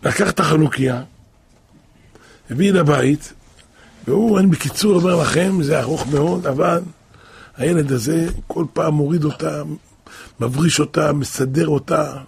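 A man with a fairly high voice tells a story, gravelly and deeply husky in tone. He speaks emotively and pushes harder as the tale reaches its dramatic points. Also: pauses often. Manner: emotive, grows louder and more intense at dramatic points. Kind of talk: spoken storytelling.

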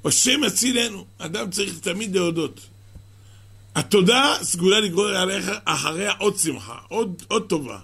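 A man, a religious teacher, giving a Torah sermon in an animated storytelling way, often asking the listener questions. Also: high voice, gravelly, breathy edge.

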